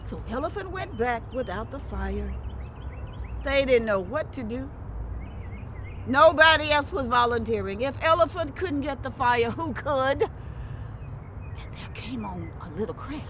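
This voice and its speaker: A woman storyteller with a Lowcountry Gullah Geechee accent tells a folktale in a high voice. Her delivery is theatrical and very lively, leaning on repeated phrases. There is clear noise around her. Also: a little slow, pauses often. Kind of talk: animated oral folktale telling. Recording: clearly noisy background.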